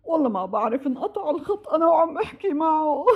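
A tender, easily moved middle-aged woman in a radio drama, talking with a Levantine Arabic accent. Her voice sits high. The audio is slightly dull and lo-fi. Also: big pitch swings, fast talker. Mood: tearful. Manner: heartfelt, easily moved to tears.

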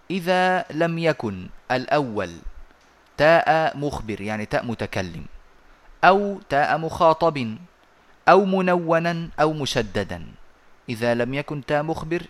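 A man teaching a lesson on Quran recitation rules over an online voice call. He explains at a measured pace with many pauses and fillers, and he chants the verses he quotes. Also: on the high side, very animated, fairly bright tone.

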